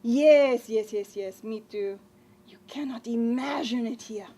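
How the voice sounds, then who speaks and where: A woman's voice: on the high side, measured pace, dark tone, a little hiss or hum, natural voice. A woman playing a haughty, disdainful French businesswoman with a French accent, speaking in theatrical, scornful exclamations in a comedy sketch. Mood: gossiping on phone.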